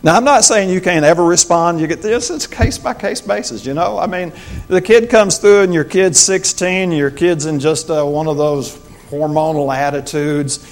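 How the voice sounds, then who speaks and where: Older pastor guy in his 60s, folksy sermon, kinda high voice, jokes around. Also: normal speed. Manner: folksy, conversational, joking asides.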